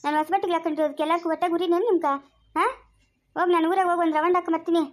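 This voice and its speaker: A woman's voice: very high-pitched, flat delivery, rapid-fire. A woman playing a vain young village man. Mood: defiant. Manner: boastful, defiant.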